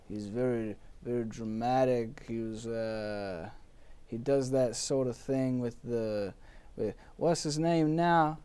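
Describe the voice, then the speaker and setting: A man playing a melancholy, touchy, theatrical undead poet from the 19th century in an improvised comedy interview, with pompous archaic wording and halting, dramatic delivery. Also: medium pitch, warm tone, close to an everyday voice. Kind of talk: improvised mock interview in character.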